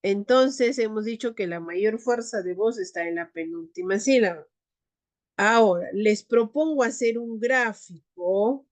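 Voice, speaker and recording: A woman teaching an online class, leading slow pronunciation drills and calling on students. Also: medium pitch. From Peru. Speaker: Quechua teacher.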